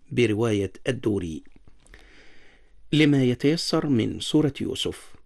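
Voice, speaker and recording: A man announcing an upcoming Quran recitation on live radio in a formal, brisk manner. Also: mid-range voice, darkish tone.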